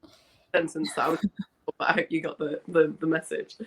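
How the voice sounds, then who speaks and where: A young woman, hoarse from a cough with a slight smoker's rasp, chatting in a rambling, self-correcting way as an interview guest. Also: low voice, little pitch movement, a little fast, poor audio. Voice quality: slightly husky, smoky rasp. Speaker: interview guest, founder of a women's football fan community. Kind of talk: casual interview chat.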